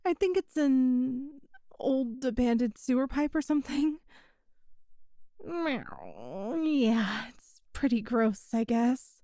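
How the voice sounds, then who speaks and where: Taking it slowly in a high, mellow, very animated voice, a woman performs ASMR audio roleplay as a young cat-girl thief. The character is sly but pitiful, and she speaks in a sheepish, flustered, defensive manner.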